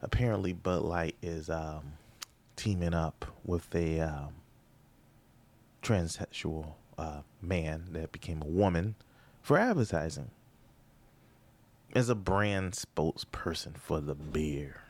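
Deep gravelly man, sarcastic comic rambling. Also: slow, pauses often, darkish tone. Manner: rambling, sarcastic asides, rhetorical questions. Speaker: comedian and podcast host. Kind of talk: comedic monologue podcast.

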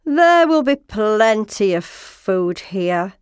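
A woman's voice: mid-range voice, big pitch swings, slow pace, clear, resonant tone, no room sound, clean studio sound. Finn, a woman doing an eager frog. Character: adventurous, eager little male frog.

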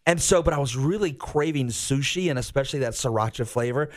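An American man co-hosting a radio morning show in casual, chatty, animated, self-deprecating talk. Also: medium pitch, a little fast.

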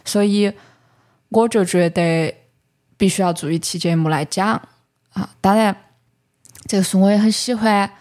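A woman's voice: medium pitch, moderate pace, pauses often, a little mellow. A woman with a Sichuanese accent hosting a podcast in a casual, explanatory way, talking about books and dropping in English words. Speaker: podcast host. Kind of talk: casual book talk.

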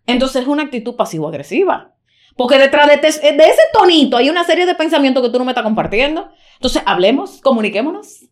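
A woman's voice: high voice, sing-song, fast talker. A woman co-hosting a casual chat, blunt and profane, laughing often and acting out quoted lines. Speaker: podcast co-host.

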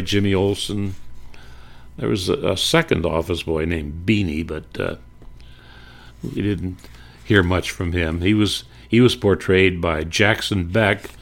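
An older man fondly reminiscing about old radio shows and comics, unhurried and warm in tone. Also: low voice, gravelly. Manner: unhurried, fond, with fillers and restarts. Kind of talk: nostalgic reminiscing talk.

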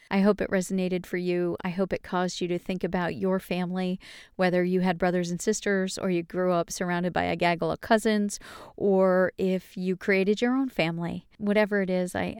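A woman hosting a podcast in a gentle, reflective monologue, reading her own poetry aloud. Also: fairly low pitch, clear, resonant tone, no room sound, studio quality. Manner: gentle, warm and reminiscing. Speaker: podcast host.

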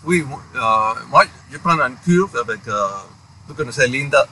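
Very bright-voiced man, native Spanish speaker. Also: mid-range voice, lively intonation, normal speed, a little hiss or hum. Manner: brief answers, simple phrasing. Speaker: guest, board member. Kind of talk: casual conversational interview.

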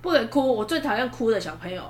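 A woman's voice: fairly high pitch, expressive, rapid-fire, slight background noise. A woman chatting casually as a podcast co-host, telling stories in a rambling way and restarting her sentences often. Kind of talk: casual chat, storytelling. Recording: roomy room echo.

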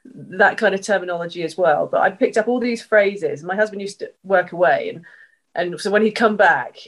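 A woman's voice: on the low side, moderate pace, poor audio. A woman from West London with a Home Counties accent, a podcast guest telling a casual story. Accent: Home Counties English. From West London, England. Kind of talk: casual anecdote.

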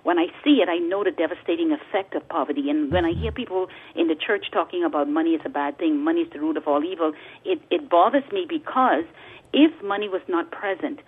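Calling in to a talk radio interview, this Bahamian guest author talks fast in a low, husky voice. She is earnest and repeats words for emphasis in a preacher-like way, all heard through a tinny phone line.

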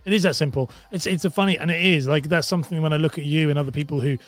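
A man's voice: on the high side, fairly even intonation, very fast, soft background music. A man hosting a casual interview, putting questions in a rambling, roundabout way.

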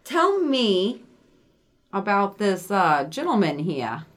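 A woman's voice: medium pitch, very animated, slow pace. A young adult woman co-hosting a podcast, chatting casually and animatedly, swearing freely and acting out quotes. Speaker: podcast co-host. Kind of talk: casual chat.

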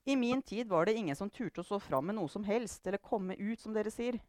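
A woman voicing a sharp-tongued, sarcastic elderly grandmother who loves provoking her family. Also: mid-range voice, expressive, dry recording, studio quality, pitched above the performer's own voice, natural voice. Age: older. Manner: sarcastic, declaiming.

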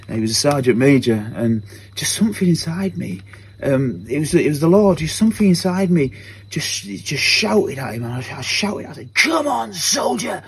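A man's voice: mid-range voice, lively intonation, moderate pace, slight background noise. A man giving a spoken personal testimony at church, telling it earnestly and repeating phrases as he goes.

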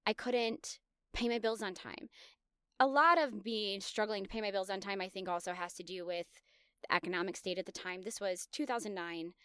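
Speaking in a mid-range voice that is clear, resonant, and slightly bright, a podcast host in her thirties tells a personal story with candor and self-reflection, almost like a confession. The sound is clean studio audio with no room sound.

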